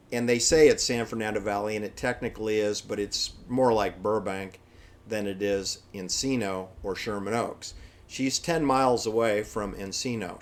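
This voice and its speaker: A man with an American accent delivers an opinionated, improvised monologue, making blunt, dismissive assertions and repeating phrases for stress. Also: lowish voice. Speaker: solo commentator.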